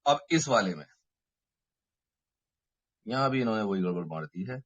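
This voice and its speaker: A man's voice: lowish voice, expressive, moderate pace, muffled recording. A man teaching a math lecture online, working through each step and checking in with his students, mixing English terms into his talk. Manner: mixes Hindi and English terms. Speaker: mathematics teacher. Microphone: microphone.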